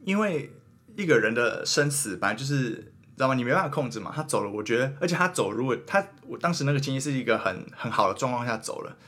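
A young man with a Taiwanese Mandarin accent talks quickly in a husky voice. He is a podcast host in easygoing chat, rambling and questioning himself as he works through his thoughts out loud. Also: medium pitch, lively intonation. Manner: earnest, rambling, self-questioning. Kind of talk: casual chat.

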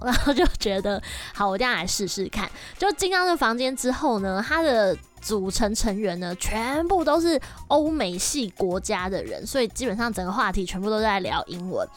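A young woman, hosting a casual podcast and telling stories in a lively, chatty way. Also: medium pitch, fairly quick, hardly any pauses, soft background music. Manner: lively, chatty, animated storytelling. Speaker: podcast host.

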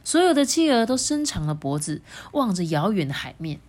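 Mother reading a children's storybook aloud, animated, with drawn-out particles. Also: medium pitch.

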